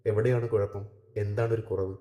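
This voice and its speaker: A man reading a romantic short story aloud in a steady, measured narration, recorded in an echoey room. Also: lowish voice.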